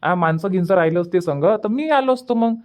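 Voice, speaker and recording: A performer voices a polite, busy young village man in a Marathi cartoon comedy, speaking with the Varhadi accent of Vidarbha in a respectful, coaxing way. The pitch is medium and the intonation lively. The pace is fairly quick and the tone a little mellow, close to an everyday voice.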